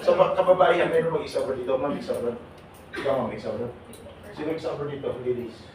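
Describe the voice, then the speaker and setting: A man leading a seminar for overseas workers, teasing and questioning the audience in a lively way. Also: mid-range voice, fast. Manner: teasing, jokey, calls on audience members. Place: large hall with audience. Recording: echoey hall, voice from far off, noisy.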